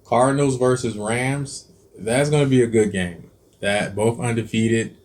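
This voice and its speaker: Here a male cooking-channel host with a mid-range, slightly mellow voice takes his time. Between bites he chats casually about football picks, rambling and hesitant, with many ums, restarts and self-corrections.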